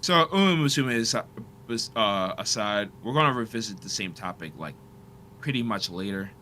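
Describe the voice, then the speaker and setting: A man with a bright, forceful voice hosts a laid-back podcast chat. He talks in loose slang and laughs often. He stumbles over names as he reads an article aloud, with a faint hum underneath. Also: lowish voice, animated, moderate pace. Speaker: podcast host. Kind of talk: casual chat.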